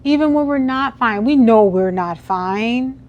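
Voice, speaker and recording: In a lo-fi recording, an American woman with a slightly high, animated voice delivers a motivational keynote at a measured pace. Addressing a live event-hall audience conversationally, she asks the crowd questions.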